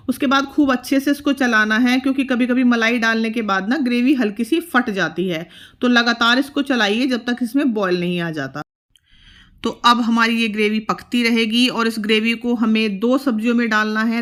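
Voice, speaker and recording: A middle-aged woman in her home kitchen, chatting casually as she explains each cooking step. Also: a little high. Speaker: cooking vlogger.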